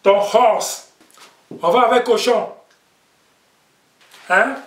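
A man's voice: high voice, drawn-out words, fairly bright tone. Patient man teaching vocabulary, distant echo. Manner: patient, repeats words and checks with "ok?". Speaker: language teacher. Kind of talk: classroom language lesson. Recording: echoey room, distant mic.

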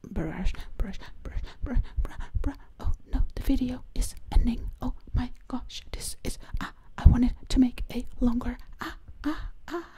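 A woman voicing a gentle undead princess from the 1920s in a whispered role-play, repeating words slowly in a breathy whisper. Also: fairly high pitch, lively intonation. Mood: dismayed. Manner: slow repetitive word repeating. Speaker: ASMR creator.

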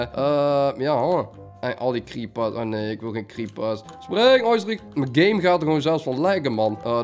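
A young man giving excited gameplay commentary, laughing often and dropping English slang. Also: on the high side. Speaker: gaming YouTuber.

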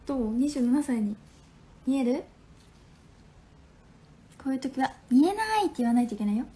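A woman in her twenties with a Hakata accent, chatting casually on a phone livestream at home, playful and quick to laugh. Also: on the high side, warm tone. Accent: Hakata dialect. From Fukuoka, Japan. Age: 20s. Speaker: livestream host. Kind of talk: casual livestream chat reading viewer comments.

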